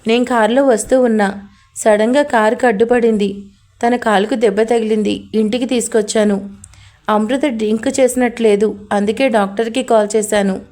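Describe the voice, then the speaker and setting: A woman voicing a kindly middle-aged father in a spoken love story, asking gentle, concerned questions. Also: on the high side, steady tone, moderate pace, lightly acted. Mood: explaining.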